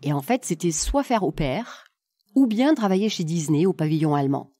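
A woman's voice: on the low side, sing-song, moderate pace, dark tone, no room sound. A woman in her fifties, a native German speaker with a German accent, telling her story casually and with informal humour as an interview guest. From southwest Germany. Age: 50s. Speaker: podcast guest, coach.

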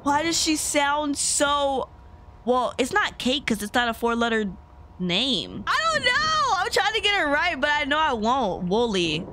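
A woman's voice: sits high, sing-song, a little slow, sharp tone, a little hiss or hum. A young woman giving casual, slangy commentary as a scared, jittery horror game streamer. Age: young adult. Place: small indoor gaming room.

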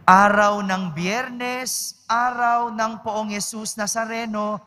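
Male priest, homily at Mass, measured solemn delivery, echoey church hall. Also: sits high, fairly even intonation, pushed and bright. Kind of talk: Mass gospel reading and homily. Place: large church.

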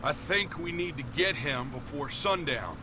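A cavalry officer for a video game. He is brisk and commanding, with a fairly high, lively voice over noisy outdoor ambience. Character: commanding male cavalry captain, brisk and military.

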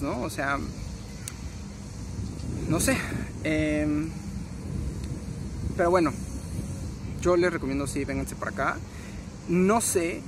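A young Mexican man vlogging to his phone in a city park, rambling in casual slang and correcting himself as he goes. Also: on the high side. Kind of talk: casual selfie vlog. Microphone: phone at arm's length. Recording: outdoor noise, passing traffic.

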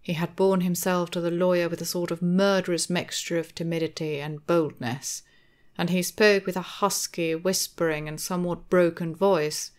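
Female audiobook narrator, lowish voice, measured and expressive.

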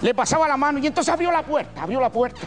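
A man's voice: very high voice, fast talker, music in the background. An older man with a Canarian accent, a humorist telling a folksy comic story on a TV gala stage. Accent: Canarian Spanish. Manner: folksy, colloquial, animated.

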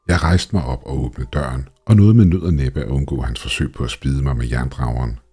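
A man reading a horror story aloud in a steady, measured, scripted narration. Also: extremely low pitch, slightly rough. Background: faint background music.

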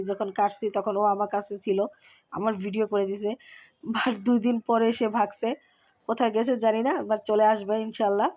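A woman's voice: mid-range voice, a little mellow. Bangladeshi woman chatting through her chores. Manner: chatty, talks to viewers while doing chores. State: has a cold, speaks softly. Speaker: vlogger. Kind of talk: casual cooking and home vlog narration. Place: home kitchen.

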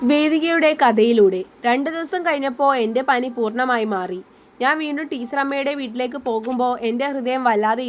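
A woman narrating a romantic story in a gentle, steady reading voice. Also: high-pitched.

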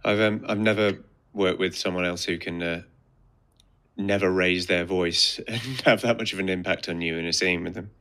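A man chatting casually in a commentary track, relaxed and laughing easily. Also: sits low, normal speed, clear, resonant tone. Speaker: commentator on a series episode.

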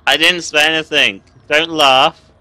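A man's voice: on the high side, steady tone, a little slow, sharp tone. A young man, nervously commenting and swearing while playing a horror game for viewers. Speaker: gaming video host.

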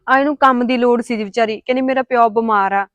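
An actress playing a soft-hearted young woman of the house, speaking in a soothing voice. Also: a little high, brisk. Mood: explaining. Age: young adult. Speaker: daughter of the house.

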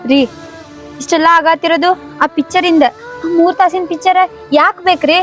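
A woman playing a soft, consoling young daughter-in-law. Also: very high voice, fairly even intonation, a little fast, faint music behind. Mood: pleading. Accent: North Karnataka Kannada. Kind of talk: village family drama skit.

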